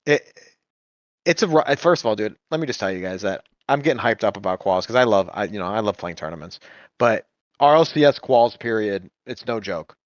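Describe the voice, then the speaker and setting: A man talks fast and with energy, telling stories and acting out the voices of players. The recording is dry and a little muffled, with no room sound. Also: fairly low pitch, no room sound. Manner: animated storytelling, acts out players' voices. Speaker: esports coach and guest. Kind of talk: casual podcast chat.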